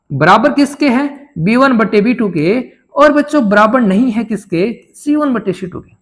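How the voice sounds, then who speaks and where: A man teaching a school maths lesson, asking his pupils questions, answering them himself and repeating each key answer. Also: high voice. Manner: addresses pupils warmly as children.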